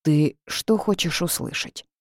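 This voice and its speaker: A woman's voice: lowish voice, lively intonation, moderate pace, creaky, mellow, no room sound, clean studio sound. A woman voicing a timid, fussy male barn spirit who talks meekly and plaintively. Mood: flustered. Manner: meek, flustered, plaintive.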